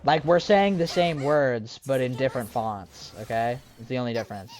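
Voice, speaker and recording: A young woman with a bass voice and darkish tone chats casually over gameplay at normal speed, with faint music behind her. She's a gaming streamer who rambles and runs herself down, full of fillers and restarts.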